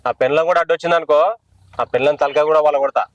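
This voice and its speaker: A man's voice: on the high side, steady tone, rapid-fire, no echo, muffled recording, natural voice. An actor playing an angry young son with a Telangana Telugu accent who threatens his father to sell the land. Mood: resentful. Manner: aggressive, threatening. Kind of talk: village short film acting.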